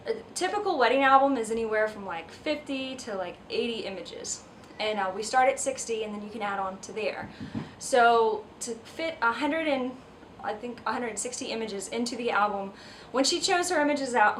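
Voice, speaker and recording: A woman wedding photographer, slightly out of breath, chatting casually with lots of ums and restarts as she shows off an album at home. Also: on the high side. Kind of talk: casual video vlog. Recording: slightly distant mic, faint household noise. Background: kids screaming upstairs.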